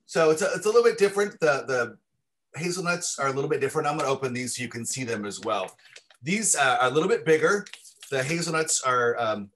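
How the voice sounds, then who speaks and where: A chocolatier appearing as a guest on a livestream video call describes his products in eager, casual detail, enthusiastic and descriptive, with frequent restarts. His voice is mid-range, fast and fairly bright, with lively intonation and slight background noise.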